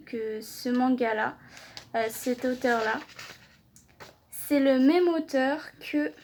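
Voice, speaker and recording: Excited high-voiced woman unboxing. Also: husky. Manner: excited, exclaims often, repeats words. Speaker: vlogger. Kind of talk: casual unboxing chat.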